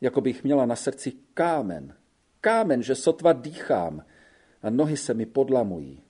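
A man's voice: mid-range voice, big pitch swings, warm tone, slightly rough. A male narrator voicing a young Italian woman working as a wet nurse, tired and complaining on a hot train ride. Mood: plaintive. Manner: plaintive, sighing complaints.

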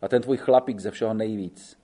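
A man's voice: fairly low pitch, steady tone, mellow, natural voice. A man reading the part of a stubborn lone schoolteacher in an audiobook, answering curtly and dryly. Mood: refusing. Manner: curt, dry. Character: stubborn solitary male schoolteacher, curt.

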